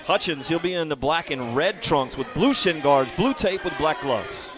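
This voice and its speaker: A man's voice: fairly high pitch, animated, normal speed. A man doing live play-by-play commentary at a combat sports event. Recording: live event with crowd and music. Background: crowd noise and music.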